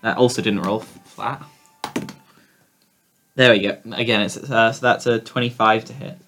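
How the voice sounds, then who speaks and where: A man's voice: on the low side, steady tone, moderate pace, fairly bright tone. A man playing a tabletop game, casually talking through his turns and dice rolls. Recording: music behind the voice.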